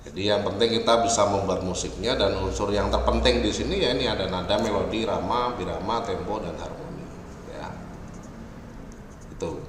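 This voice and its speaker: A man giving an online lecture on music software, explaining slowly and often ending phrases with a checking "ya". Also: fairly low pitch. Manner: explains slowly, with frequent "ya" tags. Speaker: university lecturer. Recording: echoey, reverberant room, faint ambient noise.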